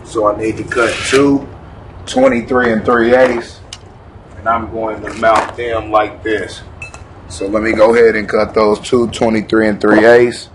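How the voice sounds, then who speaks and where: A man with a lowish voice talks viewers through a woodworking job in a loose, casual how-to style. He sounds set back from the camera mic. Loud outdoor noise and passing traffic fill the background. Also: level tone, measured pace, distant mic. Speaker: DIY video host.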